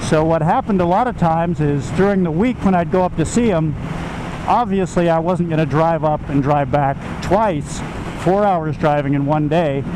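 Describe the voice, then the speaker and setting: A man's voice: fairly high pitch, normal speed. A middle-aged American man telling a rambling, casual personal story from inside a motorcycle helmet while riding. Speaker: motovlogger. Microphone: helmet microphone. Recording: helmet mic, loud engine and wind noise.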